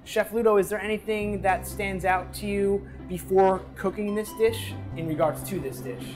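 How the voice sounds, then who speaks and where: A man's voice: high voice, moderate pace. Upbeat male show host, music behind. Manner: energetic, joking. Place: large restaurant kitchen, indoors. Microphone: lapel mic. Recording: music bed under the voice.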